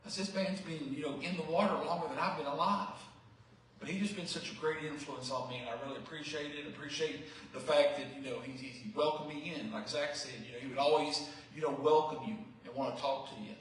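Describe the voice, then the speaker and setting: A man's voice: fairly high pitch, fairly even intonation, quick pace, a little hiss or hum. A man in his fifties giving a rambling, anecdotal memorial speech. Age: 50s. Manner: rambling, anecdotal, with many fillers. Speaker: eulogy speaker. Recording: echoey hall, mic far off.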